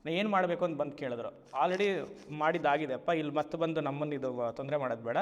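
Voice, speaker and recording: Man teaching slowly in a long-reverb room. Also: fairly high pitch, muffled recording. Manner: slow, drawn-out emphatic phrases and frequent rhetorical questions. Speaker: spiritual teacher. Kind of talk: Vedanta discourse.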